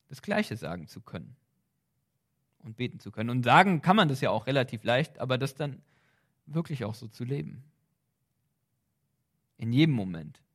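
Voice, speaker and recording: A man giving a reflective devotional talk, earnest and thoughtful, with small hesitations, slipping into quiet prayer. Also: medium pitch. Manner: drops into quiet, soft prayer. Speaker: devotional speaker.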